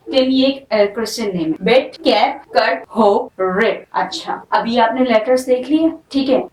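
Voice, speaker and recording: A woman's voice: a little high, a little mellow. A woman from Pakistan teaching English pronunciation, patient, repeating example words and asking questions to check understanding. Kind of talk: explaining pronunciation rules. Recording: echoey room, voice a bit far from the mic.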